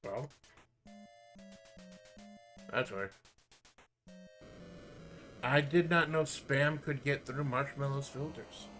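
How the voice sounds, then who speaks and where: A laid-back man talks to his stream audience in loose, swear-heavy chat, his voice bright and forceful. He tends to mumble now and then. Faint music plays behind him. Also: medium pitch, drawn-out words, long pauses, rough recording. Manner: mumbles at times. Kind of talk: casual live-stream chat.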